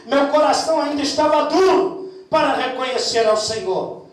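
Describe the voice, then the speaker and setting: A Brazilian man with a Brazilian Portuguese accent, a deacon, shouting his testimony fervently to the congregation in a sermon. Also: very high voice, normal speed. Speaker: deacon preaching. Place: large echoing church. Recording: echoey church hall, far from the mic.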